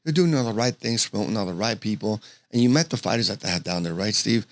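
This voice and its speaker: A man's voice: lowish voice, animated, quick pace. A man hosting a casual podcast, effusive and full of hype as he introduces guests and fights. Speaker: podcast host.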